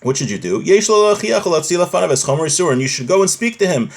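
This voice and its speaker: A man's fast, creaky, high-pitched voice has a sing-song quality as he leads an informal religious law lesson. Reading Hebrew phrases aloud, he switches to plain, conversational explanation and throws in rhetorical questions.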